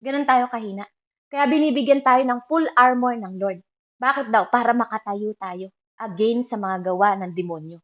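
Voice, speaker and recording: Woman preacher in a sermon, higher pitch, keeps checking in with the congregation, somewhat muffled recording. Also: normal speed. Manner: speaks in Filipino mixed with English phrases, asking the listeners for agreement often.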